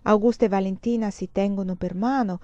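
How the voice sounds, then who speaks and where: A woman reading a literary novel aloud in a measured, expressive way, letting sad phrases sink softly. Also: mid-range voice, no room sound, highs cut off. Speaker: audiobook reader. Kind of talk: literary audiobook narration.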